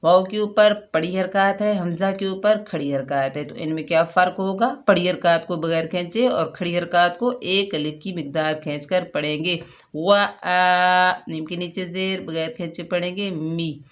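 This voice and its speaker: A woman leads a Quran recitation lesson. She explains each rule patiently and repeats it. When she demonstrates, she draws the syllables out slowly and deliberately. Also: fairly low pitch, fairly even intonation. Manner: slow, drawn-out syllables when modelling recitation.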